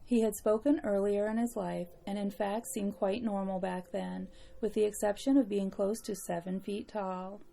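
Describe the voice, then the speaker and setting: A woman narrating a scripted spooky story as a horror host, in a measured, deliberate storytelling manner. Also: mid-range voice, fairly even intonation, vocal fry, dark tone.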